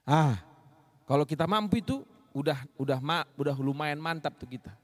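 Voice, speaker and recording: A man from Medan with a Medan accent, giving a lively mosque sermon that swings between loud punches and low asides. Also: a little fast. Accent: Medan Indonesian. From Medan, Indonesia. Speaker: preacher.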